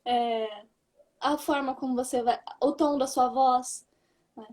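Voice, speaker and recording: Brief: female host, high bright voice, chatty and lively, casual interview. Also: slow pace. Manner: lively, chatty, tags phrases with "né".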